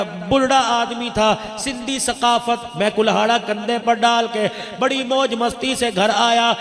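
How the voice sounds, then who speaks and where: A man's voice: extremely high pitch, fairly bright tone. A man preaching a sermon, telling a story with an impassioned, chanting cadence. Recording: echoey hall with long reverb.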